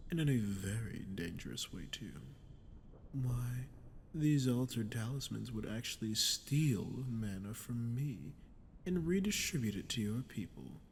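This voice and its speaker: A man performs a sadistic, smug archdemon with a low, gravelly voice, exaggerated and darkish, tormenting a captive ruler. It's an ASMR roleplay delivered as a dramatic monologue to the listener, smug and knowing in mood, with slow, mocking, condescending taunts and breathy drops. There's a little hiss or hum.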